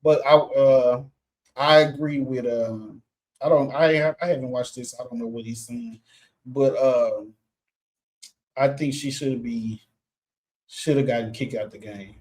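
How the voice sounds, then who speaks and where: A man's voice: mid-range voice, a little slow, long pauses, darkish tone. A man hosting a sports reaction show, talking loosely and casually with frequent fillers.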